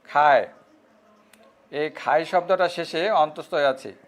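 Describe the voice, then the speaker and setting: A Bangladeshi man teaching a grammar lesson, his voice sitting high for a man. He explains patiently and slowly stretches out each example word so students can hear it. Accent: Bangladeshi Bengali. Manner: slow, drawn-out repetition of example words.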